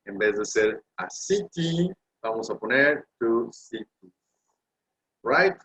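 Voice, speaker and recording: Slow patient man teaching grammar. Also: medium pitch, expressive, fairly bright tone, poor audio. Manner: patient, drawn-out examples, rising on English words. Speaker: English teacher. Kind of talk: explaining grammar in Spanish.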